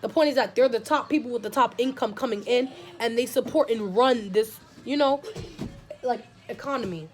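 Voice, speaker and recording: Young woman vlogger, fairly high voice, heated, rambling run-on opinion talk. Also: moderate pace, soft background music. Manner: heated, talks in long run-on streams with many likes. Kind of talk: casual opinion vlog.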